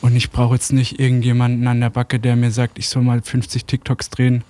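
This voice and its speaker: A man's voice: mid-range voice, completely flat delivery, fairly quick, warm tone, no room sound. A young man from the Karlsruhe area, a musician guest talking casually and slangily in a radio studio. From Karlsruhe area, Germany.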